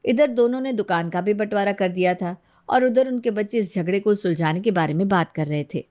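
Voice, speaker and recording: A woman narrating a moral cartoon story for children in a plain, even manner. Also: mid-range voice, fairly quick.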